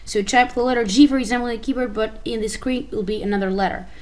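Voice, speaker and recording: A woman's voice: on the high side, steady tone, fast talker, a little mellow, rough recording. A woman from Albania with an Albanian accent, a native Albanian speaker, narrating a casual screen-recording tutorial in a hesitant way, often restarting and correcting herself. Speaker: tutorial maker.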